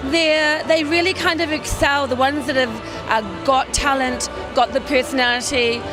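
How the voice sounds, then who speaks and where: Woman, slightly high pitch, pageant judge, casual interview, clear background music. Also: steady tone, moderate pace.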